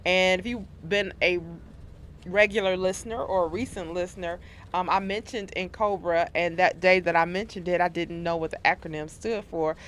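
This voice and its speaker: A woman's voice: lowish voice, steady tone, normal speed, a bit bright, slight background noise. Informal woman hosting a radio interview. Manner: informal, conversational. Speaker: community radio show host.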